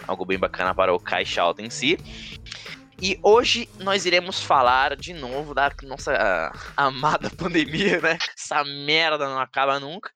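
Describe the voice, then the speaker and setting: Brazilian guy chatting on his podcast, bright forceful voice, slangy, music behind. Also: on the low side. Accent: Brazilian Portuguese. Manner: slangy, informal, swears casually. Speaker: podcast host. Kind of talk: casual chatty podcast talk.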